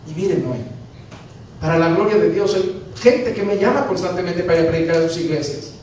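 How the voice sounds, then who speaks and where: High-voiced pastor in echoey church. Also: male voice, fast. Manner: animated, acting out dialogues with humor. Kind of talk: sermon. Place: church sanctuary. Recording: very echoey church from a distance, faint noise.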